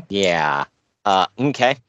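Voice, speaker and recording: A man's voice: deep voice, fairly bright tone, smooth, highs cut off. A man co-hosting a podcast, recapping a show with dry sarcasm and frequent laughs. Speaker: podcast co-host. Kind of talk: casual chat.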